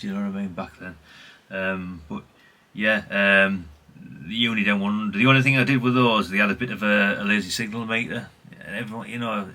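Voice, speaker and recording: A middle-aged British man with a lowish, bright voice and forceful tone hosts a hobbyist video. He talks casually in a rambling, chatty show-and-tell style, often correcting himself and tacking on tag questions.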